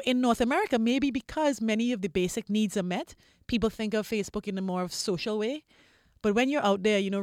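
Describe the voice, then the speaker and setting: A woman from Trinidad, a corporate diversity executive, speaks as an interview guest in a mid-range, slightly mellow voice. She explains things articulately and persuasively, repeating phrases for emphasis, in a dry, clean studio recording.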